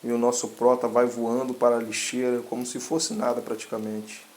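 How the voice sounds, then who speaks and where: A man casually retelling a story, halting and correcting himself as he goes. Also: medium pitch, level tone. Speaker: story narrator. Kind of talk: casual story recap narration.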